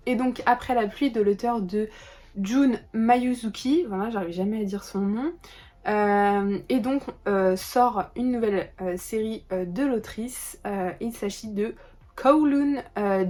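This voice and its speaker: A woman's voice: medium pitch, darkish tone. A young woman in a casual vlog, chatting about upcoming books and manga with lots of hesitations and restarts. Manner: chatty, many filler "euh"s and restarts. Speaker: book and manga YouTuber. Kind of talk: casual vlog book review.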